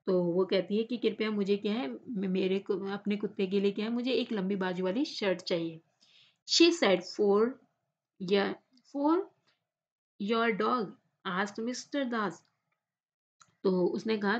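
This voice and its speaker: A woman teacher reads an English textbook lesson aloud slowly and explains it in Hindi, often repeating a filler phrase. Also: mid-range voice. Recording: slightly dull lo-fi recording.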